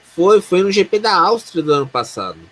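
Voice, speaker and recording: A man's voice: high voice, sing-song, a little fast, a bit bright. A man with a Brazilian accent giving casual live motorsport analysis as a commentator's partner.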